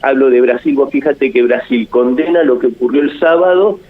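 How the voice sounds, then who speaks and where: A man with a Rioplatense Argentine accent calls in to an AM radio show, his voice squeezed into a thin, tinny phone band. He gives opinionated political commentary, pausing and hedging often as he works out his points aloud. His pitch sits in an ordinary middle range. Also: fairly even intonation. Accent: Rioplatense Argentine Spanish. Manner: opinionated, thinking aloud with frequent hesitations. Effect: phone-line voice heard over AM radio. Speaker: radio guest analyst. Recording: tinny narrowband phone line.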